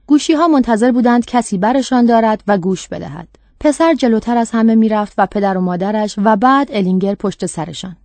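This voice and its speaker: A woman narrating a dark short story in a measured, steady reading. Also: mid-range voice, no echo. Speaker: audiobook narrator. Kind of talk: scripted narration.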